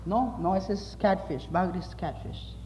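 A man preaching as pastor, emphatic, repeating phrases for weight and dropping low at the ends of phrases. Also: takes it slowly, a little mellow, slight background noise. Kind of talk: sermon with illustrative stories. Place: church sanctuary. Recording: long hall reverb.

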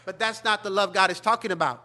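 Male pastor, high voice, bilingual sermon, animated. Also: brisk. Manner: animated preaching, mixing Spanish and English, acting out gossiping church members.

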